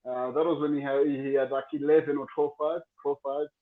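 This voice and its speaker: A man speaking as a guest in a remote interview over a bad video call connection that cuts in and out, talking in a halting way and repeating words. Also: fairly high pitch, little pitch movement. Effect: bad video call connection, cutting in and out. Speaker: boxer guest. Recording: tinny lo-fi call audio.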